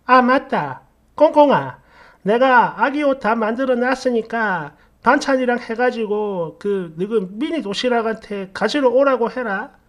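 A man's voice: very high-pitched, animated, unhurried, fairly bright tone, heavily acted. A man doing a chirpy older mother-in-law. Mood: casual.

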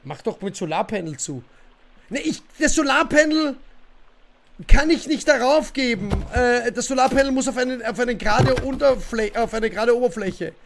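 Game streamer, casual livestream chat, rambling with fillers, lively swooping pitch, grumbles at the game. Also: normal speed, gravelly, a little hiss or hum. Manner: rambling, many fillers and restarts.

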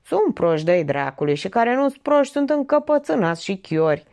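A woman's voice: on the high side, big pitch swings, creaky, a little mellow, voice pushed up. A woman voicing a smug, self-assured middle-aged barber who lectures as if he alone reasons, in an audiobook. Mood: lecturing. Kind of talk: audiobook character reading.

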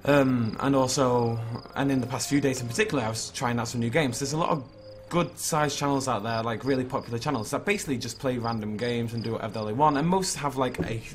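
A young man, hungover with a slightly hoarse voice, chatting in an informal, rambling, self-critical way as he vlogs over a video game. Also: mid-range voice, fast, hardly any pauses, soft background music. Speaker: gaming video creator. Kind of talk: casual vlog chat over gameplay. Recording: clearly noisy background ambience.

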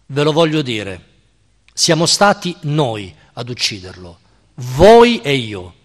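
A male lecturer reading aloud the lines of a frantic man who cries out that God is dead, declaiming them in loud, impassioned questions. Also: mid-range voice, sing-song, slow. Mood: anguished. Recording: reverberant lecture hall.

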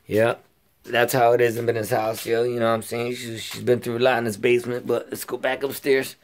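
Inside a house, a young man carries his phone from room to room and narrates a slangy, swear-heavy tour. His medium-pitched voice barely moves in pitch, and he speaks fairly quickly.

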